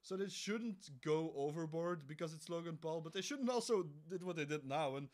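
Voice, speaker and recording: A young man co-hosting a loose home podcast, his voice a little higher than most men's. He rambles, restarts his sentences and swears casually while making his point. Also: animated, normal speed. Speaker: podcast co-host. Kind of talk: casual chat. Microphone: home computer mic.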